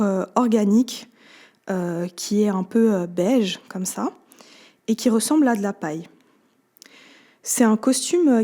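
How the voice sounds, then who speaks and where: A woman's voice: medium pitch, dark tone. A woman in her twenties from Switzerland, a podcast guest who talks with many hesitations and fillers. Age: 20s. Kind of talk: conversational interview.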